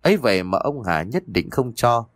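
A man narrating a village story aloud in an expressive storytelling manner. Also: mid-range voice, normal speed, dry recording. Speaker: audiobook narrator.

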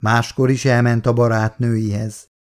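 A man voicing a calm, reassuring grown son who is kind to his parents. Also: mid-range voice, lightly acted.

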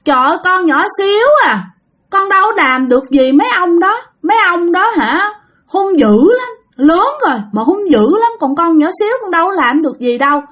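A small girl's spirit, whining and pleading in a high, swooping little voice, as a woman storyteller puts her on. She sounds childish and clingy, and her pitch jumps all over. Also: animated, moderate pace, fairly bright tone. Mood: whiny. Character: whiny little girl spirit possessing her mother.

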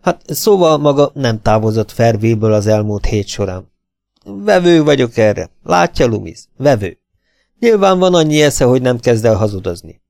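A man voicing a calm, sly middle-aged detective, measured and needling. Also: medium pitch, vocal fry, no echo, studio quality, voice pushed up. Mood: probing.

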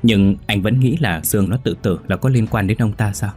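A man reading the lines of a decisive young office woman on the phone, firm and brisk. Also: on the low side, warm tone, slightly rough, soft background music.

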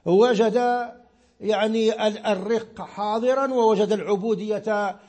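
A man's voice: sits high, fairly even intonation, unhurried, darkish tone. A Moroccan man giving a religious lesson on Islamic law, explaining patiently and repeating words as he searches for them. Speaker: sheikh teaching Islamic law.

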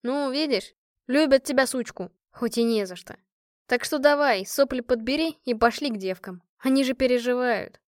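A woman voicing a caring but blunt young woman squad leader in an audiobook, talking gently and teasingly. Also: sits high, normal speed, dry recording, studio quality, close to an everyday voice. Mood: brisk scolding.

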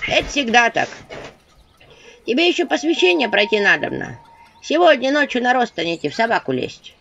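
A woman's voice: a little high, sing-song, moderate pace, gravelly, fairly bright tone, pitched above the performer's own voice, heavily acted. A woman voicing a group of weary little imps who talk in a sighing, folksy way. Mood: resigned. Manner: sighing, matter-of-fact, folksy. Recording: dull audio with faint noise.

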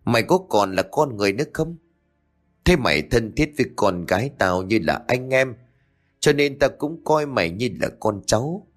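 A man voicing an older uncle, a bereaved father who curses his daughter's abuser and then urges calm, in a told ghost story. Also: mid-range voice, moderate pace, faint music behind, natural voice. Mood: furious. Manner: hissing in anger, cursing.

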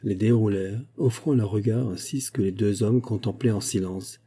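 A man reading a classic novel aloud as an audiobook narrator, measured and expressive. His voice is low and very dark, with a husky grain. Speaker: audiobook reader.

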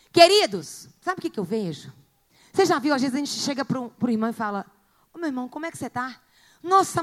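A woman pastor from Brazil, preaching a sermon in a church with rising fervor, rhetorical questions and bursts of shouting. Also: high-pitched.

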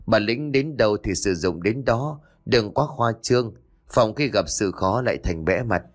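A man voicing a calm, gentle young male Buddhist exorcist who speaks in a measured, persuasive way. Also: lowish voice.

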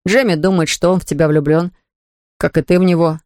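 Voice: medium pitch, steady tone, fairly quick, darkish tone, no room sound, studio quality, close to an everyday voice. A reader voicing an ardent young man who earnestly begs his sweetheart. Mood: imploring. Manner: earnest, imploring.

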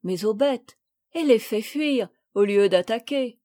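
A woman's voice: a little high, takes it slowly. A woman reading the part of an affectionate young son, speaking eagerly with rising, exclaiming phrases. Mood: earnest. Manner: excited, breathless, exclaiming.

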